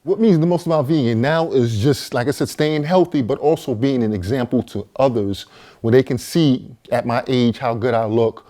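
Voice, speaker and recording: Telling his own story to the camera, a vegan chef and co-author in his forties keeps things casual and conversational, peppered with fillers and repeated words. His medium-pitched voice is mellow and moves at a normal speed.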